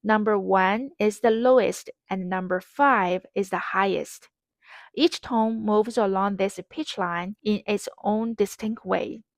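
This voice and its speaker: A woman teaching a pronunciation lesson, explaining patiently and modeling each sound clearly. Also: mid-range voice, no room sound, clean studio sound. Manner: slow, patient, clearly enunciated instruction with modeled drills. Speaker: Mandarin teacher.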